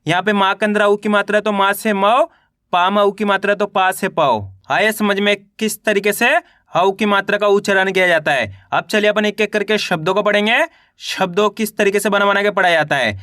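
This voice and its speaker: A man teaching a reading lesson who sounds words out slowly letter by letter and keeps asking how to read them. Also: high voice, sharp tone, no room sound, clean studio sound. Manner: slow, drawn-out letter-by-letter sounding out, repeats "कैसे पढ़ेंगे?".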